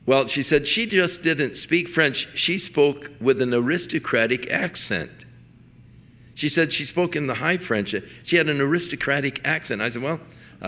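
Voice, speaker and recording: Older male pastor, folksy and anecdotal in the pulpit, bright tone. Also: medium pitch. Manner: folksy storytelling with chuckles and restarts. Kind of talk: sermon.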